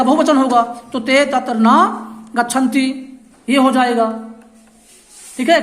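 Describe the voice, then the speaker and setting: A woman teacher giving a classroom grammar lesson, repeating phrases slowly and quizzing the class. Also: high voice. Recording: echoey classroom.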